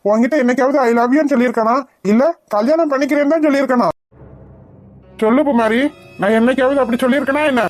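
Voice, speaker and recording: Cartoon village man, voiced by a woman, playful, blunt, brusque teasing, mellow dark tone, dry close sound. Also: high voice, fast talker, dry recording, faint music behind. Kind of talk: cartoon voice acting.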